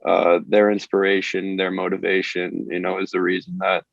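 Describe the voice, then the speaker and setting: On a dull lo-fi recording with no room sound, a young adult man from Maine, USA, speaks in a deep, monotone, creaky voice at a moderate pace. A college baseball player, he answers interview questions haltingly with many fillers and restarts.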